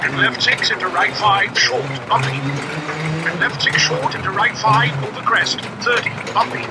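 High-pitched rally co-driver, rapid pace notes. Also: male voice, sing-song, over loud music. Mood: brisk, focused. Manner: clipped, terse directions. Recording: loud car engine noise over voice. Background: rally car engine and driving noise.

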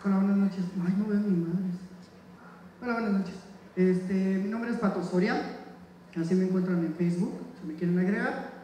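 High-voiced Mexican man doing stand-up. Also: steady tone, mellow, distant mic, a little hiss or hum. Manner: crude, rapid-fire audience banter. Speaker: stand-up comedian. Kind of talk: stand-up comedy set. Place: live stage in a hall with audience. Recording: echoey hall, mic heard from afar.

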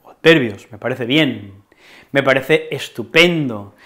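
A man with a Spanish accent teaching a language lesson to camera, expressive and often checking in with "¿vale?". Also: medium pitch, unhurried. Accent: Spain. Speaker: Spanish teacher, channel host.

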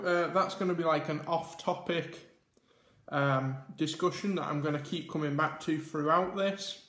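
A man's voice: a little high, fairly bright tone, reverberant. A man hosting a casual mukbang vlog, chatting and rambling with many ums as he eats at a table. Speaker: YouTube host. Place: indoor room at a table. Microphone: camera mic with face cam and top camera.

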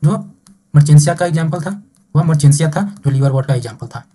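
Male biology tutor, slightly high, husky voice, explains exam notes. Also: mellow. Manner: reads textbook lines slowly, then explains, repeating "ठीक है". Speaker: biology teacher. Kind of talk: exam-prep lecture mixing Hindi and English. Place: online class recording.

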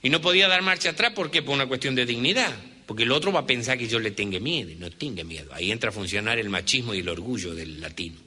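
A man's voice: medium pitch, expressive, fast, few pauses, bright, forceful tone. A man with an Argentine accent telling humorous stories, chatting with the audience and speaking to them directly. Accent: Argentine Spanish. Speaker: storyteller. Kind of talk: humorous folk storytelling. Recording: reverberant hall with faint noise.

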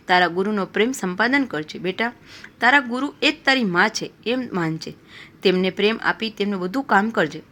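A woman's voice: mid-range voice, fairly bright tone. Woman playing a tender devoted mother. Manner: tender, consoling. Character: poor devoted mother, gentle and tearful.

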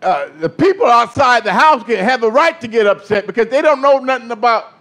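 A man preaching a sermon in call-and-response style, building from steady talk up to shouting. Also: very high voice, fairly quick.

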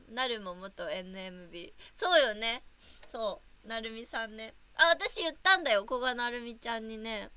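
A woman's voice: mid-range voice, pushed and bright. A young woman from Japan chatting casually on a livestream, reading viewer comments and giggling often.

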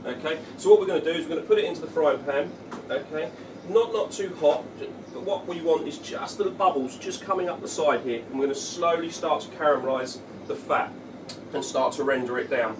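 A man in his forties, a head chef, talking through a cooking demonstration in a relaxed, explanatory way with frequent fillers. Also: on the high side, a little fast. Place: large restaurant kitchen. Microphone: camera mic from a few feet away. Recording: echoey kitchen, distant mic, loud kitchen noise. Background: sizzling pans and kitchen clatter.

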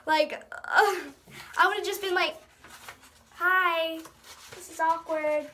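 A young girl of about ten with a high voice talks casually in a small room at home. She is dramatic and self-mocking, switching between reading aloud and chatty asides into a device at arm's length. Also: fairly even intonation, slow, bright, forceful tone. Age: child, ten years old. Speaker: young vlogger. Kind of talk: casual chat, reading aloud from old diary.

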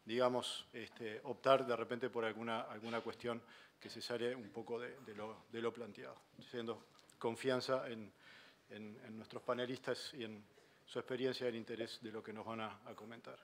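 A middle-aged man with a Uruguayan Spanish accent moderating a university panel, talking haltingly with many restarts and fillers in an auditorium. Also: mid-range voice, flat delivery, a little hiss or hum.

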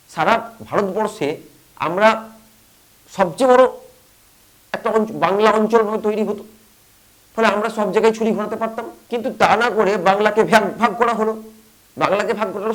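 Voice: mid-range voice, poor audio. A commentator from West Bengal delivering an impassioned opinion monologue, full of rhetorical questions and repeated phrases.

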